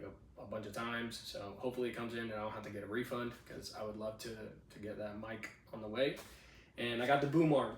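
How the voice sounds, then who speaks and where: A fairly low-pitched man in his twenties, originally from Cuba, hosts a casual podcast from a spare bedroom using a handheld mic. The room is echoey, he's far from the mic, and there's slight background noise. He tells personal stories in a chatty, relaxed way, frequently saying "you know what I'm saying."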